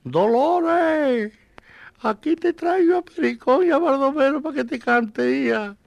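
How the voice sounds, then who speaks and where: A man voicing a grieving middle-aged widower who calls out loudly in a high voice to his dead wife. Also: a little slow, vocal fry, dry recording, highs cut off, exaggerated voice. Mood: wailing. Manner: high, loud, wailing calls.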